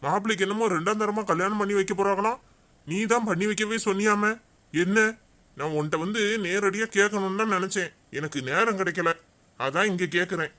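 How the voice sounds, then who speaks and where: A man's voice: high voice, a little fast, pushed and bright. A man with a Tirunelveli Tamil accent voicing a concerned elder brother in a cartoon, talking earnestly and questioning.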